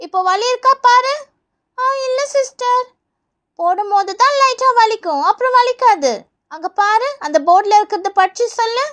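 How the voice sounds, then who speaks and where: A woman voicing a patient, gentle school nurse who calms scared children, in a doll play. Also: extremely high pitch, moderate pace. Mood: coaxing. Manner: soothing, patient.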